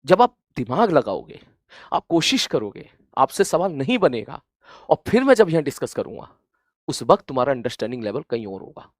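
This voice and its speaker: Male coaching teacher, motivational lecture, earnest and gently scolding, repeats for emphasis, grows loud when urging, dry close sound. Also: medium pitch, sing-song, normal speed, no echo. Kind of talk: motivational talk to students.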